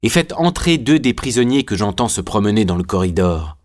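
A man's voice: fairly low pitch, very animated, brisk. A man reading the lines of a proud, anguished young prisoner in an audiobook, in a bitter, intense tone.

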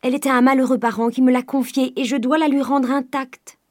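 A woman's voice: level tone, fairly quick, no room sound, clean studio sound, natural voice. A woman voicing a desperate young woman pleading. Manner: high, loud, imploring.

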